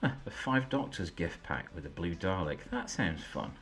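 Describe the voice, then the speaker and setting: A man hosting a late-night stream, chatting casually and amused as he browses, sometimes dropping quiet and offhand. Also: low-pitched, very animated, normal speed. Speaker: host. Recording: faint background music. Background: faint background music.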